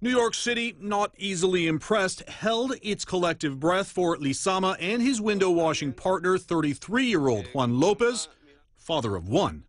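A male reporter narrates a news package with a dramatic delivery, his pitch rising and falling a great deal. The voice-over sounds dry and close, with no room around it. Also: lively intonation, normal speed, no echo. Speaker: field reporter.

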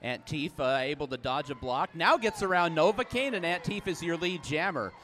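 Excitable man calling live play-by-play. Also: a little hiss or hum. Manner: brisk calls that jump up in pitch and volume on big plays. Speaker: play-by-play commentator. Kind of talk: live sports commentary.

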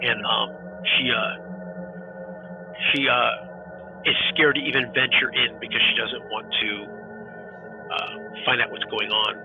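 Rambling game master on a tinny call. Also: male voice, medium pitch, steady tone, measured pace, long pauses, over music. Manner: rambling, casual, with many fillers. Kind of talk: narrating a tabletop game. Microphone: video call. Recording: tinny phone-like video call audio.

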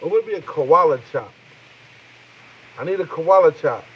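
A comedian talking live to his viewers in a loose, profane, riffing banter, shouting out names and joking. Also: fairly high pitch, lively intonation, normal speed, slightly rough, highs cut off. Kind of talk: rambling live-stream chat.

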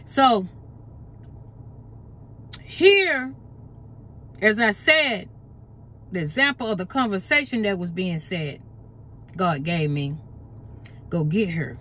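A woman's voice: medium pitch, very animated, slow, long pauses, bright, forceful tone, a little hiss or hum. A woman preacher delivering a prophetic word to her viewers in a fervent, repetitive way, often calling them "you guys".

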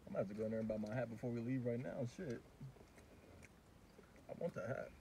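A man's voice: medium pitch, fast talker, mellow, slight background noise. A young man in casual chat with friends over a meal, joking bluntly in profane slang.

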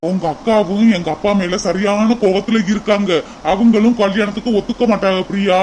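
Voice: mid-range voice, steady tone, a little fast, a little mellow, a little hiss or hum, lightly acted, low-quality recording. A voice actor playing an earnest cartoon suitor. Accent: Kanyakumari Tamil. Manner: coaxing, reassuring, repeats her name. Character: young man in love, earnest and coaxing. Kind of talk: cartoon voice acting.

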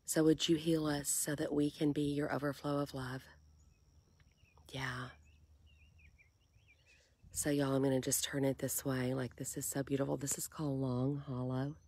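A woman, talking softly and half-whispering in a casual devotional vlog, filmed on a phone held at arm's length from a kayak on a lake. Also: a bass voice, flat delivery, moderate pace, pauses often. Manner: soft, breathy, half-whispered, musing. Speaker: faith vlogger.

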